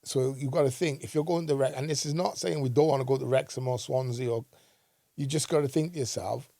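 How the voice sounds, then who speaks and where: A man's voice: mid-range voice, fairly even intonation, a little fast, gravelly, warm tone, no echo, studio quality. A man who used to play football, co-hosting a casual football chat and often checking in with "right?". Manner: emphatic, asks "right?" often. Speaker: co-host, former footballer.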